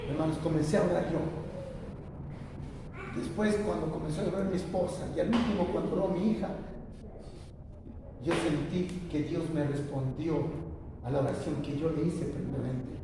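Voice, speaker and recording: Older church elder giving a testimony, rather high voice, far from the mic in a reverberant hall with faint noise. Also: male voice, fairly even intonation, normal speed, long pauses. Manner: emotional, swings from low and hushed to loud. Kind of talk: preached testimony.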